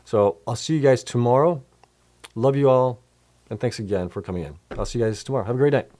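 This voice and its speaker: A man's voice: mid-range voice, fast talker, mellow. A middle-aged man hosting a casual livestream, reading out and answering chat questions in a loose, rambling way full of fillers, his voice wearing out late in the night. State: voice getting worn out.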